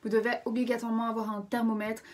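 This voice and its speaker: A woman's voice: fairly high pitch, flat delivery, fast talker, darkish tone, recorded from a distance. Chatty young Frenchwoman, rambling vlog. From France. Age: 20s. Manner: chatty, rambling, lots of fillers and self-corrections. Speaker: vlogger. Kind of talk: casual explainer vlog.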